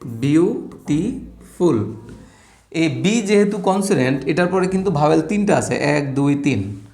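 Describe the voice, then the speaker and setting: A man teaches an English lesson, walking through examples on a board with playful jokes. His voice sits a little high. The sound bounces around a bare, echoey room. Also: lively intonation, normal speed, darkish tone. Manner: playful, explains with family jokes.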